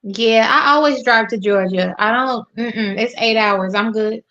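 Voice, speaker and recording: Slow-spoken woman on a lo-fi video call. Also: on the high side, bright, forceful tone. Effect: lo-fi video call audio with a frozen screen. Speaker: guest on an online talk show. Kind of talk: casual chat.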